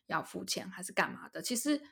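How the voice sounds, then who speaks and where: A woman's voice: medium pitch, brisk, creaky, breathy edge. A young woman co-hosting a podcast, telling a story in casual chat and acting out the lines of the people in it. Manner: animated, acts out quoted dialogue. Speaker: podcast co-host.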